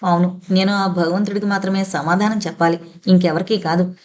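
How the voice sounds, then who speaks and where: A woman reading as a fragile, distraught young woman who talks quietly and haltingly. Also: on the low side, steady tone, natural voice. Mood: tearful.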